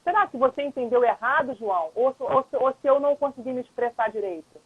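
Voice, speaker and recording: Speaking a little fast, this woman has a high, expressive, husky voice. As a lawyer and mediator on a live stream, she explains patiently in an informal chat and checks in with the listener often. The sound is dry and dull, typical lo-fi live-stream quality.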